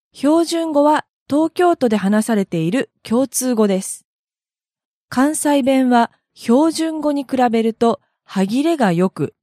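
A woman from Hyogo, Japan, hosts an audio blog and reads a scripted language lesson. She explains each point clearly, with a fairly high voice and a very animated pitch. The sound is dry and close to the mic. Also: dry recording. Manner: clear, explanatory, reading examples aloud.

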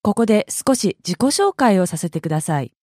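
A young woman from Kobe reading a polite, measured self-introduction for her audio blog. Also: medium pitch, big pitch swings, darkish tone, no echo, clean studio sound. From Kobe, Japan. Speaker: audio blogger.

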